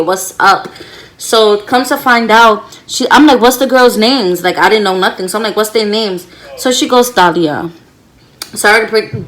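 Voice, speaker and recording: A woman's voice: medium pitch, a bit bright. Young woman vlogger, storytime, casual and slangy, acts out the quotes. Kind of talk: storytime vlog.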